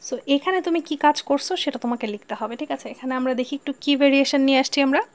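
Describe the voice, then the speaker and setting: A woman with a Bangladeshi accent giving an exam-prep English literature lesson. She mixes Bengali and English, reads lines slowly, and checks in with her students often. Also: high voice.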